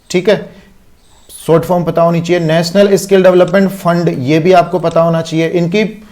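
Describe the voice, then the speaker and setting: A man's voice: high voice, darkish tone. Indian man teaching an exam class. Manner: explains step by step, checks in with constant rhetorical questions. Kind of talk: online lecture.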